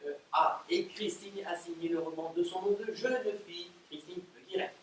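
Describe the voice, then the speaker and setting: A man's voice: sits high, normal speed, close to an everyday voice. An actor playing an impatient, condescending man in a stage play, recorded from far off in a very roomy theatre. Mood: scheming. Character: exasperated, scheming, haughty man. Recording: very roomy stage audio from far off, faint noise.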